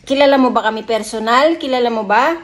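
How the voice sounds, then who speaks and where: A woman's voice: a little high, brisk, a little hiss or hum. A woman answering commenters earnestly and defensively in couple banter, often laughing, recorded at home. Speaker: vlogger's partner.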